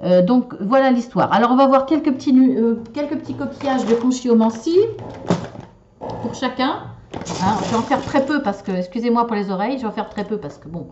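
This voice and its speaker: A tarot and shell reader gives viewers a relationship reading with cards and shells, speaking hesitantly and casually with many fillers and restarts. Her slightly high voice is lively in intonation and a little fast, over a noisy background in slightly dull lo-fi sound.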